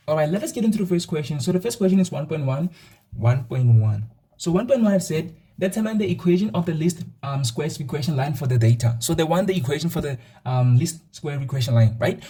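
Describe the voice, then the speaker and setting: Fast-talking young male math teacher. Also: mid-range voice, breathy edge. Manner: repetitive, counting aloud, thinks out loud with fillers. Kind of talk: explaining a lesson to students.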